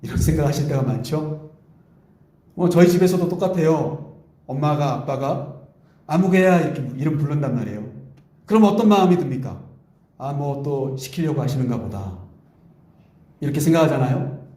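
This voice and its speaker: Korean pastor preaching in an echoey church. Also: male voice, a little high, lively intonation, moderate pace, pauses often. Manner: earnest, pleading, acts out God's gentle voice. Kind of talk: Sunday sermon. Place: church sanctuary.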